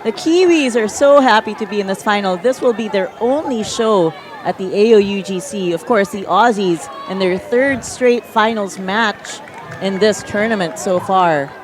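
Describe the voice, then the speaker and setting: Chatty mid-pitched sports commentator. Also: normal speed, some chatter behind, slight background noise. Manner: chatty, gives stats and asides.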